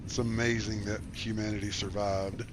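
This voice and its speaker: Relaxed man greeting his stream chat. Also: fairly low pitch, moderate pace. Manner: relaxed, greeting chatters by name. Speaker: game streamer. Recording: stream with steady background noise.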